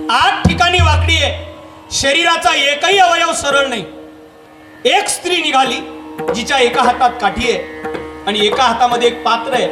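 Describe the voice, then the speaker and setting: A man preaching a devotional kirtan sermon at a live gathering, telling a story and quizzing his audience. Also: very high voice. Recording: echoey hall with music behind.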